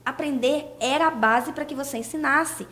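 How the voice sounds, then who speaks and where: A woman's voice: high voice, moderate pace, fairly bright tone, slight background noise. A young woman, a podcast guest explaining scripture and asking rhetorical questions. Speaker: guest speaker.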